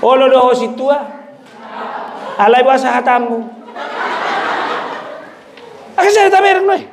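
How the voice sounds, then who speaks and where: Male pastor, very high voice, lively sermon with shouted points and playful asides. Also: a little slow, a crowd in the background, background noise. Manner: animated, switching between shouting and joking asides.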